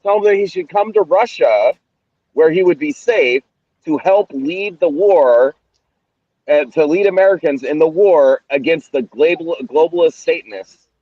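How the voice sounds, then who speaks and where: A man with a slightly higher voice talks in casual podcast chat. He halts and searches for words with a sardonic tone. The recording is dry and a little dull and lo-fi. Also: animated, a little mellow, dry recording. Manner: halting, many fillers, sardonic. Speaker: podcast co-host.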